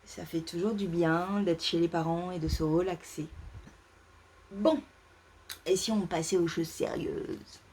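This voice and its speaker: Une femme qui anime un vlog de tricot sur un ton décontracté, en hésitant beaucoup, avec de nombreux « euh ». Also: female voice, fairly low pitch, fairly even intonation, a little slow, pauses often, darkish tone, slight background noise. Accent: French. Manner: hesitant, many fillers and restarts. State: feeling too warm. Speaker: knitting podcast host. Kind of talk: casual knitting vlog chat. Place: parents' home, indoors.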